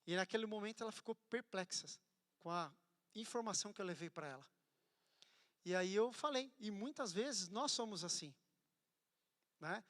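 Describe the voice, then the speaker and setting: A man preaching a sermon, telling a story with animated swings from loud to hushed. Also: high-pitched, normal speed, long pauses. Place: church hall. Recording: church hall with long reverb.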